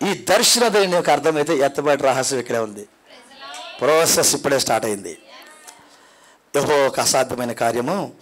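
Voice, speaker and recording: Man, pastor, high voice, dramatic sermon, hushed asides and rising repeated cries, church hall. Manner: repeats phrases in climbing builds. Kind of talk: Sunday sermon.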